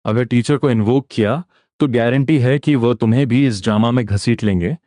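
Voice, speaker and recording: A man's voice: medium pitch, moderate pace, mellow, dry recording, studio quality. Man narrating a manhwa recap. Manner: casual storytelling that voices each character's lines in turn. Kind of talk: first-person story recap narration.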